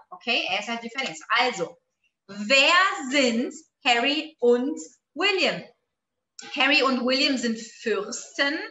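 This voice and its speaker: A woman teaching a live online language lesson, explaining slowly, repeating words and checking in with her viewers. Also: on the high side, bright, forceful tone, reverberant, slight background noise. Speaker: German teacher.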